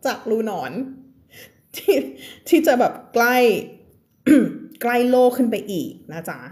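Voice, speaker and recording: A woman with a Thai accent teaching English on a live stream from home. She reads English lines slowly, explains them in casual chat, and laughs often. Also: on the high side, a little mellow. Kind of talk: live-streamed reading lesson.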